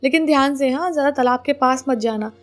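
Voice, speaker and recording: A woman's voice: sits high, quick pace, lightly acted. A woman voicing a tired, easygoing young husband and father who talks casually and coaxes his wife into doing the chores. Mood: worried. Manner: relaxed, coaxing, dodges chores.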